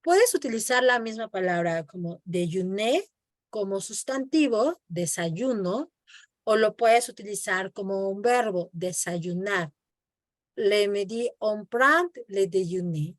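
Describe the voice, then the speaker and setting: A woman's voice: mid-range voice, animated, slow pace, no echo, studio quality. A woman teaching French in an online class, explaining patiently and modeling words for her student to repeat. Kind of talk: online language lesson, explaining in Spanish and French.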